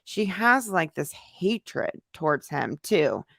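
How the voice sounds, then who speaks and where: An American woman with a lowish, slow voice full of big pitch swings and vocal fry hosts a casual livestream as a YouTuber, chatting in loose fragments while answering viewer comments. The recording is dry and studio quality.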